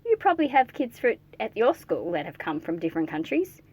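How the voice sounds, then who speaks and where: A woman briskly reads a picture book aloud for young listeners, her mid-range voice carrying a breathy edge on a dry recording. She keeps it playful and expressive, talking directly to the children with chatty asides along the way.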